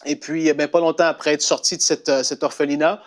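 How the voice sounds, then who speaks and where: Animated Québécois man telling a story. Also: a little high, fast. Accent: Québécois French. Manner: animated, lots of fillers and restarts, breaks into laughter. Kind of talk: casual storytelling of a testimony.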